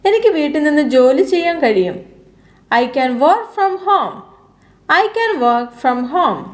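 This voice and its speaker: A woman with a Malayali accent teaching English, reading short sentences and repeating each English one twice, slowly and clearly. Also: high-pitched, sing-song. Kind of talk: slow drilled sentence reading.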